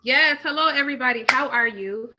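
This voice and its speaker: Casting: confident, playful woman guest, very bright tone, dull lo-fi call audio. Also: high-pitched, a little fast. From Buffalo, New York. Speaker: guest, mental health counselor. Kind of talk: casual interview over video call. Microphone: video call.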